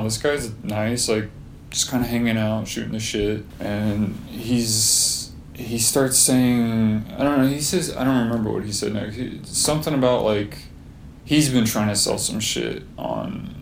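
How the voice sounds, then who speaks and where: A man's voice: medium pitch, a little hiss or hum. A young man telling a story in casual chat, rambling and full of fillers. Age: young adult.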